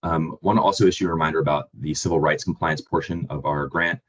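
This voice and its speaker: A man with a very deep, husky voice hosts an online presentation, hoarse from a cold. He talks in a plain, halting way with many ums. The call audio is dull and lo-fi. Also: fairly even intonation. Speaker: webinar host and grant manager.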